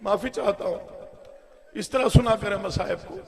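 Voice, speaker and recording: High-voiced reciter with Pakistani Urdu accent. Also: male voice, normal speed, creaky. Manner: builds from soft asides to loud chanted lament. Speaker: majlis reciter. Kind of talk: Shia mourning sermon. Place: large hall before a live gathering. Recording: live recording with long hall reverb.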